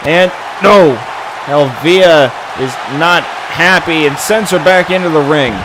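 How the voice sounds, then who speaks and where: A man working as a wrestling commentator, giving excited, exclamatory play-by-play in halting bursts with mild slangy expletives. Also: fairly high pitch, crowd noise, noisy background.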